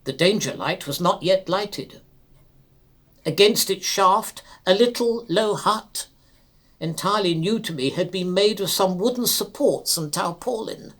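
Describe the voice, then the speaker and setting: Narrating a classic ghost story, a man with a high-pitched, fairly bright voice reads slowly and solemnly. His theatrical, measured phrasing gives every clause room to breathe.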